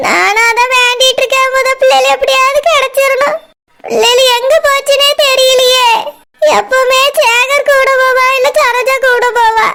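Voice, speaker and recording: A woman's voice: very high-pitched, fairly even intonation, normal speed, pushed and bright, full character voice. A woman voicing a distraught young mother in a cartoon who weeps and pleads over her missing children, with a Kanyakumari Tamil accent. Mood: tearful, pleading. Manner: weeping, pleading and fretful. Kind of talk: cartoon voice acting.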